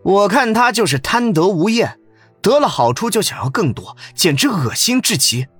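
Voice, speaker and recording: A scornful, whiny young relative, as a male narrator puts him on. The voice jumps high and swoops widely, with a husky edge. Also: sing-song, normal speed, a bit bright, no echo, soft background music, heavily acted. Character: sneering, spoiled young relative. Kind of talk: audiobook character voice.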